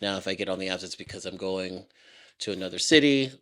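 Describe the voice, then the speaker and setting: A man co-hosting a casual podcast chat, relaxed and steering the talk between segments. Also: deep voice, quick pace. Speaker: podcast co-host.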